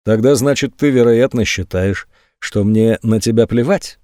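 A man's voice: mid-range voice, moderate pace, dry recording, studio quality, close to an everyday voice. A man doing a cold, jealous, sarcastic man. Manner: calm, cold, mocking.

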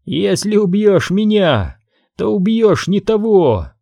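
A man voicing a crazed, vicious teenage boy who shrieks and yells in a frenzy. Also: sits high, sing-song, takes it slowly, vocal fry, no room sound, studio quality, voice pushed up, heavily acted. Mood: raving. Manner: shrieking, frantic yelling.

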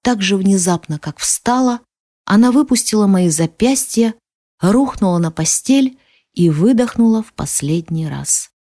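A woman narrating a first-person audiobook in an expressive, sometimes hushed manner. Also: fairly low pitch, no room sound, studio quality.

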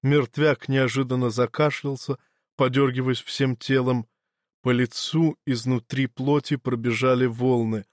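A man reading a first-person audiobook story in a steady, measured way. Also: mid-range voice, no echo, clean studio sound. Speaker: audiobook narrator.

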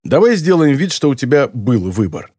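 A man reading an audiobook, voicing a rude, mocking middle-aged editor who talks loudly and insults people. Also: mid-range voice, big pitch swings, normal speed, breathy edge, dry recording, studio quality. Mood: sarcastic.

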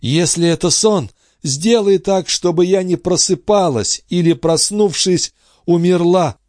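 A man's voice: high voice, measured pace, darkish tone, no echo, studio quality, pitched above the performer's own voice. Andrée, a man doing an anguished noblewoman. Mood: tearfully joyful. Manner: breathless, emotional pleading. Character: young noblewoman, anguished and passionate.

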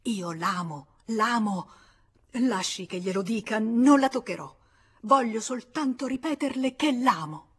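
A woman's voice: medium pitch, lively intonation, unhurried, breathy edge. A woman reading as a pleading, passionate suitor. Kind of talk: audiobook reading.

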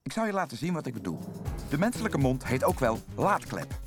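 A pushy, excitable raccoon con artist in an animated film dub. His pitch leaps all over as he sells his pitch. Film score runs clearly behind him. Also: brisk, over music. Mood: scheming. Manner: salesman-like, excitable, persuasive. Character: fast-talking scheming male raccoon hustler. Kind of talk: Dutch cartoon dub.

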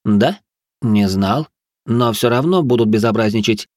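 A man voicing a pompous, ranting aristocrat who lectures and barks cooking orders in a shrill, squealing voice. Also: measured pace, darkish tone, no echo, studio quality, close to an everyday voice. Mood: stern. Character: shrill manic aristocratic male drill-sergeant cook. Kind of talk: audiobook character voice.

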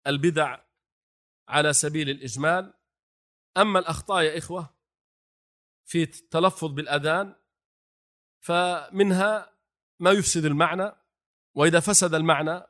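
A man's voice: fairly high pitch, a bit bright. A man teaching a religious lesson, who addresses his listeners as brothers, poses rhetorical questions and answers them himself, and recites short phrases to demonstrate. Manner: demonstrates the call to prayer phrases aloud. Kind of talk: Islamic lecture.

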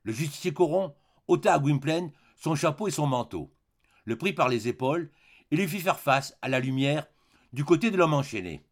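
A man narrating an audiobook of a classic novel in an expressive, dramatic reading. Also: on the high side, moderate pace.

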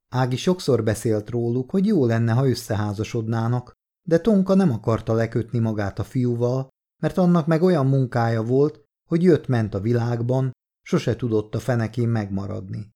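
A man's voice: mid-range voice, animated, mellow, natural voice. A man reading the part of a talkative older woman who rambles and gossips freely, in an audiobook. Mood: chatty. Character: chatty older woman, a mother, boastful then wary.

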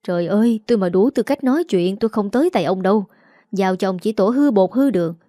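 A woman voicing a shrill, scheming young wife who nags her husband, in a Southern Vietnamese accent. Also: expressive, fast talker, mellow, no echo, clean studio sound, lightly acted. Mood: shrill nagging. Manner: shrill, nagging.

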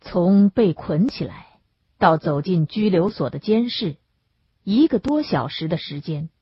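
A woman narrates an audiobook with expressive, lively intonation and a strongly husky, breathy voice. The recording is dry and close, with a dull lo-fi sound. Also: lowish voice, measured pace, no echo. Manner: expressive storytelling.

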